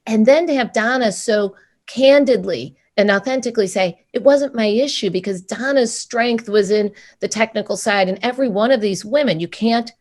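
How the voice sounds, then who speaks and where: A woman's voice: medium pitch, moderate pace, darkish tone. A woman co-hosting a panel on a video call, giving enthusiastic, effusive closing remarks. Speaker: co-host of a panel.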